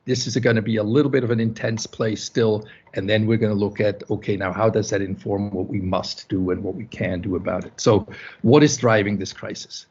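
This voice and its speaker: Presenting a conference talk, this man from Switzerland speaks briskly in a low, darkish, fairly even voice with a breathy edge and a Swiss accent. He keeps it conversational, with many restarts and frequent "right?" check-ins, captured in muffled lo-fi audio.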